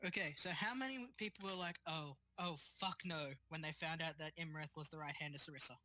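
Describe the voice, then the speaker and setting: Bright, dry voice of a swearing player. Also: medium pitch, a little fast, no echo. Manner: blunt and profane, reacting with swearing. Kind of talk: casual chat at the gaming table.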